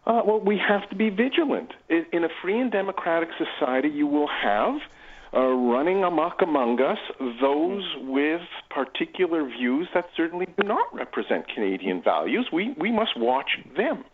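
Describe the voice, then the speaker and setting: A man speaking as a guest on a radio panel, in a measured and formal way. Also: fairly high pitch, animated. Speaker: guest commentator. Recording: tinny phone line.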